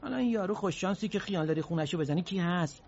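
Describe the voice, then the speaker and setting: A man's voice: sits high, animated, a little mellow, highs cut off. A man voicing a naive, earnest sidekick who is easily hurt in a dubbed comedy. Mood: matter-of-fact. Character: naive, touchy male sidekick, ex-soldier.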